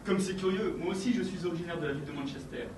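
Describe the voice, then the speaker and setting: A man's voice: sits high, very fast, recorded from a distance, natural voice. A man playing a courtly, fussy English husband. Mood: courteous. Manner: courtly, fussily exact. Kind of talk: amateur stage acting. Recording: echoey stage from afar, noisy.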